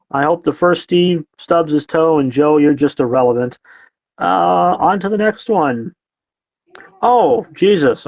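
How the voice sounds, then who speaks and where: A man's voice: fairly high pitch, no room sound, muffled recording. A man hosting a casual podcast, reading out comments and mocking them with sarcastic, profane jabs. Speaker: podcast host.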